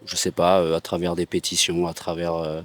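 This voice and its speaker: Deep-voiced man answering hesitantly. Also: completely flat delivery, fairly quick. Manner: hesitant, searching for words. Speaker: interviewee. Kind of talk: unscripted street-interview answer.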